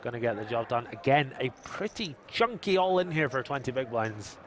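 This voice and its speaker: A man's voice: medium pitch, sing-song, moderate pace. A male poker commentator on a live stream. He trades jokes with his co-host and reads viewer chat aloud between hands.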